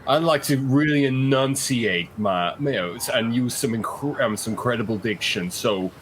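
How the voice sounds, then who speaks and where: A man's voice: mid-range voice, slight background noise, natural voice, poor audio. A man voicing a pompous male adventurer who fusses over his fine diction. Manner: pompous, drawn-out, theatrical.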